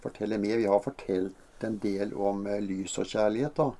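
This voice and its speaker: A woman hosting a casual podcast, her voice darker and mellow. She murmurs agreement often and muses aloud in a hesitant way, with plenty of fillers. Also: extremely low pitch. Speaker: podcast host who reads listener questions.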